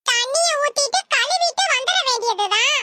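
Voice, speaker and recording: Squeaky little smart-mouth schoolboy, cartoon, lots of noise behind. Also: animated, normal speed. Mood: cheeky. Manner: cheeky, talking back. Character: cheeky schoolboy, wisecracking backbencher. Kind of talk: comedy cartoon dialogue.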